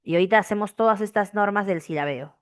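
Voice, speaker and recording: A woman's voice: medium pitch, fast talker, clear, resonant tone, no echo, clean studio sound. A woman teacher, explaining a grammar lesson and repeating key phrases as she checks understanding. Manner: repeats key phrases, asks frequent "¿de acuerdo?". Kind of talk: classroom language lesson.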